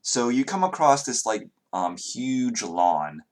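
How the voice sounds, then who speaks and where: A man's voice: mid-range voice, very animated, slow pace. A man narrating as game master of a tabletop game, talking hesitantly with many fillers.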